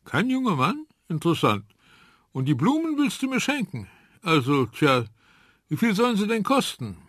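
An absent-minded old inventor, higher than plain talk, as a man puts him on. He mumbles when caught off guard and turns eager over his gadgets. The sound is dry and close. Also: huge pitch swings, normal speed, fairly bright tone, dry recording, exaggerated voice. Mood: curt, puzzled. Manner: distracted, mumbling, then eager.

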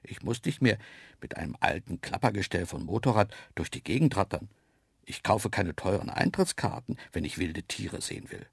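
A man narrating a children's story in the first person, lively and playful, with hushed asides. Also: fairly low pitch, moderate pace, gravelly, slightly rough, dry recording, clean studio sound. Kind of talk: storybook reading.

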